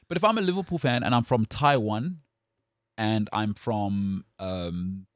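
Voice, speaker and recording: A man's voice: fairly low pitch, a little slow, no room sound. A South African man hosting a sports talk show, speaking in an opinionated, emphatic way with frequent restarts. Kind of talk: casual sports chat.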